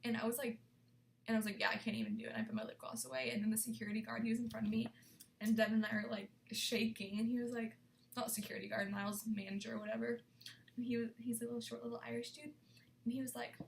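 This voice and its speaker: A young woman tells a storytime to her camera, excited and dramatic, often dropping to a breathless whisper. Her voice sits slightly high with a gravelly fry. A faint hiss runs underneath. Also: fast. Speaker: vlogger. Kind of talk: storytime vlog.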